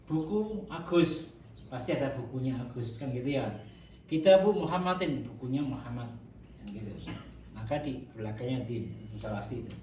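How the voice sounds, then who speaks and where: A man's voice: medium pitch, fast, distant mic, a little hiss or hum. Man teaching in an echoey hall. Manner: relaxed, joking, mixes in Javanese. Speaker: Arabic teacher. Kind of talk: classroom lesson. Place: large echoey mosque hall.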